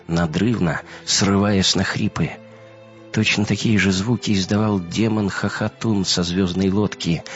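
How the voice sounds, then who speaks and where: A man with a very deep voice narrates an audiobook in a steady, measured way. The recording sounds muffled, and soft music plays behind him.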